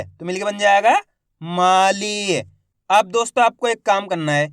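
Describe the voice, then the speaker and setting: A man teaching children's reading, sounding out each word slowly and repeating it. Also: sits high, a bit bright, no room sound, clean studio sound. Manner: reads each word slowly twice, then explains quickly. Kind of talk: slow drilled word reading lesson.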